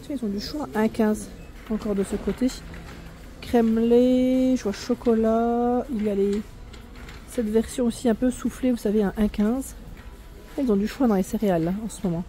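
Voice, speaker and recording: Mellow-voiced woman touring store aisles. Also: a little high. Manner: chatty, reads out prices and weights, corrects herself. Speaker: vlogger showing store prices. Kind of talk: walk-through shopping vlog. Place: food discount store aisles.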